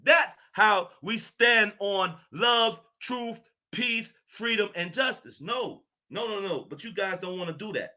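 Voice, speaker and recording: A man's voice: high voice, a little slow, hardly any pauses, sharp tone. A man delivering an angry, profane monologue to his audience, confrontational and repeating his phrases for emphasis. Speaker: channel host.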